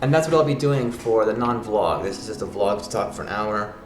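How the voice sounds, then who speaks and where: A man's voice: on the low side, animated, fairly quick. A man chatting casually to his vlog audience, rambling and often repeating himself as he restarts phrases. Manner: refers to himself in third person as grandpa. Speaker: vlog host. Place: sparsely furnished apartment room. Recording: echoey room with background music.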